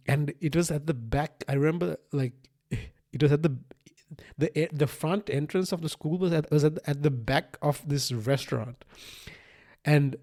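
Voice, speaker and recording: This podcast host's voice sits on the high side with a darkish tone. He's a Sri Lankan in his thirties whose first language is Sinhalese, and his casual solo monologue rambles, circling back over phrases with frequent "like" and "right?".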